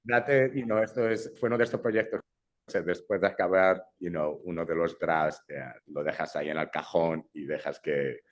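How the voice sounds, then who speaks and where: His voice sits low, with fairly even intonation and a moderate pace. He's a young filmmaker guest from Brazil who grew up in Madrid, speaking casually in an interview and regularly restarting sentences with English fillers.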